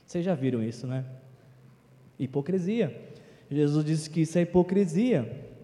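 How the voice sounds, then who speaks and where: A man preaching a sermon in a lively, animated way, acting out the voices he quotes, recorded in a church hall. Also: on the high side, moderate pace. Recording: long reverb in a large hall.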